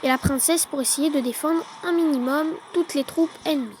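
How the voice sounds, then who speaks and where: A woman giving relaxed, chatty play-by-play commentary on her own gameplay, with quick excited bursts. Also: high-pitched, rough recording. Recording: noticeable background noise.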